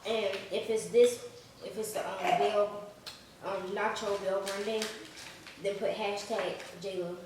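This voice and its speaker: A woman's voice: medium pitch, steady tone, unhurried. Woman vlogger chatting between bites, recorded far off in an echoing, noisy room. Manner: talking while eating. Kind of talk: casual mukbang chat. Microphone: camera set back from the table. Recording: echoey room, distant camera, noisy.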